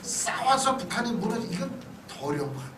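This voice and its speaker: With a very high-pitched, very animated voice and a slightly fast pace, a middle-aged pastor delivers a conversational lecture much like a sermon. He frequently pauses to ask listeners short checking questions. The church hall recording is echoey, noisy, and taken from a distant mic.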